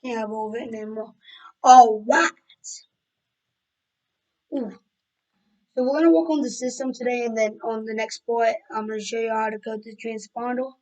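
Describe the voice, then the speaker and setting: A woman hosts a casual coding tutorial while she is losing her voice, so her speech comes out hoarse. Her voice sits fairly high but stays flat and even in pitch. She rambles, restarts sentences and fills pauses as she works. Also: rough recording. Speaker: tutorial host. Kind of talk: screen-recorded coding tutorial.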